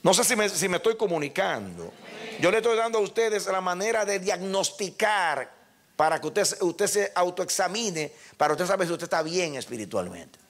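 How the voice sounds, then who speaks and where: A man's voice: sits high, sing-song, normal speed, fairly bright tone. An older male pastor preaching a sermon, emphatic and speaking directly to his congregation.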